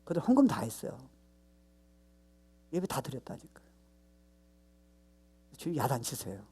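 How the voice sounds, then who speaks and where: A male pastor preaching a sermon, stressing points loudly, then dropping to low asides, with English phrases mixed into his talk. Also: big pitch swings, moderate pace, slightly rough. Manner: emphatic, mixes English phrases into his Korean; swings between loud stress and low, soft asides.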